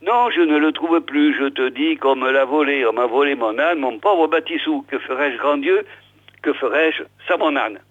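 A man voicing a poor, simple-minded village man who talks through his nose, high and pleading. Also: moderate pace, husky. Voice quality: nasal. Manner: high plaintive calling. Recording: tinny phone-like old recording.

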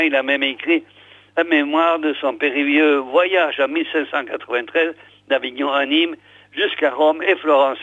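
A man's voice: medium pitch, no echo. An older man hosting a radio show and reading a book aloud, hesitating often with fillers. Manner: hesitant, full of "alors" and "euh". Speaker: radio host. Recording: tinny phone-like radio sound, dry.

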